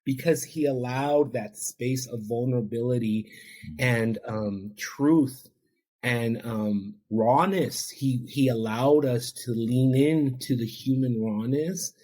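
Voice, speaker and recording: As a guest on a podcast, this addiction counselor, whose first language is Spanish, recounts his own history with reflective sincerity. His middle-pitched voice is warm, and his pace is slow.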